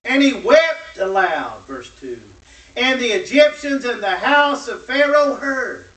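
Man, very high voice, unhurried, emphatic Bible lesson, roomy echo, heard from a distance. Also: sing-song, a bit bright. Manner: slow emphatic delivery with rhetorical questions. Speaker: Bible teacher. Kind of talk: Bible lesson reading scripture with commentary.

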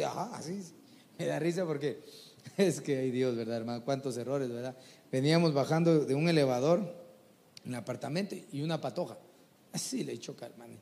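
Animated preacher in echoing hall. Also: male voice, fairly high pitch, creaky, a little hiss or hum. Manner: animated, folksy, mimics people he talks about. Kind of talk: sermon.

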